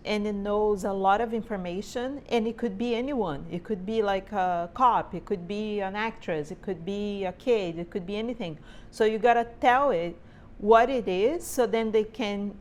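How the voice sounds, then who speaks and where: A Brazilian sewing teacher and small business owner in her forties speaks English as a second language with a Brazilian Portuguese accent and a mid-range voice. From her indoor home sewing studio, she gives a casual tutorial to camera, often checking in with "right?"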